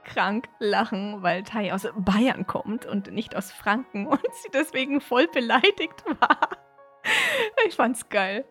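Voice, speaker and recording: A woman's voice: mid-range voice, slow pace, fairly bright tone, soft background music. A woman in her thirties co-hosting a casual podcast, breaking into laughter often. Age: 30s. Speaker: podcast co-host.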